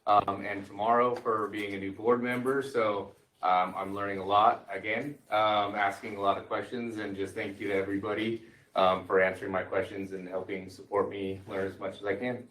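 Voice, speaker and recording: A new board member, a man, giving earnest thanks in a halting way, with many ums. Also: lowish voice, little pitch movement, a bit bright. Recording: echoey room, distant mic.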